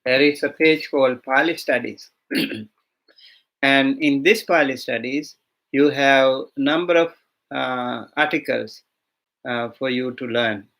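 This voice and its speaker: Speaking in a mid-range, creaky voice with a fairly bright tone, a monk from Sri Lanka gives a beginners' language lesson online in his Sri Lankan accent. He takes his time, often using fillers and restarting sentences.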